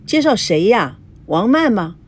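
A woman's voice: medium pitch, big pitch swings, measured pace. A woman voicing a cocky, needling young man who teases his friend in a storybook reading. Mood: teasing. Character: smug, teasing young man, a sly friend.

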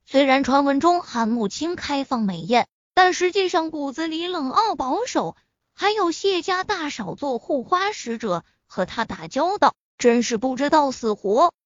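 A woman's voice: high voice, animated, unhurried, no room sound. A woman voicing a cool, elegant young female executive who speaks with aloof reserve, on a dull lo-fi recording. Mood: disdainful.

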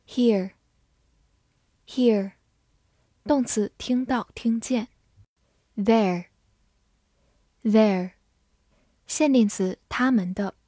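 A woman teaching English vocabulary in a scripted lesson. She says each English word twice, clearly, then explains it. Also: on the high side, very slow, long pauses, mellow, no echo, studio quality.

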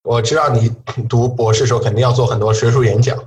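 Quick-talking male podcast host. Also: medium pitch, fairly even intonation, darkish tone. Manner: asks long framing questions, short backchannels. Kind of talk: casual podcast interview.

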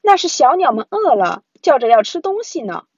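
A woman's voice: high voice, sing-song, normal speed, a little mellow, no echo, lo-fi sound, voice pushed up. A woman voicing a confident big sister in a storybook, who explains things in a bossy, reassuring way.

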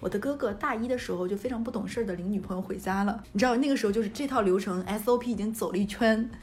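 A woman's voice: medium pitch, rapid-fire, slight background noise. A woman from Northeast China co-hosting a podcast, telling family anecdotes in casual chat and often laughing. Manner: lively anecdotes, breaks into laughter. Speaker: podcast co-host.

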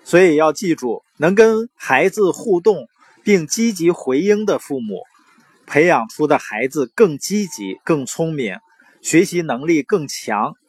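A young adult man giving parenting advice in an earnest, conversational manner, with anecdotes and drawn-out particles. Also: a little high, husky, no echo. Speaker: parenting commentator. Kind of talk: informal talk with anecdotes and advice.

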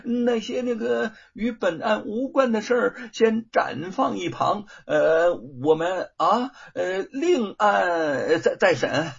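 A storyteller playing a cowardly official caught out, who hems and haws and stretches each word out, his voice husky and wavering. the recording is dull and lo-fi. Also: high-pitched, expressive, voice pushed up, full character voice. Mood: flustered. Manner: hesitant, stammering, slow. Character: flustered timid male magistrate, stammering and evasive.

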